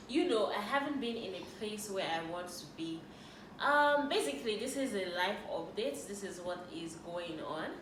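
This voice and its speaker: A woman in her thirties speaks in a personal vlog. Her tone is earnest and reflective, and she often stops and restarts her sentences. She sits some way back from the camera mic in a roomy, echoey space with steady background noise. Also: medium pitch, recorded from a distance. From Nigeria. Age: 30s. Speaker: faith and lifestyle YouTuber.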